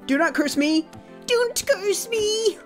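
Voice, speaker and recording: A woman's voice: very high-pitched, animated, slow, soft background music, voice pushed up, exaggerated voice. A woman voicing a panicky little male goblin adventurer in a video game, pleading in squealing shrieks. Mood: panicked.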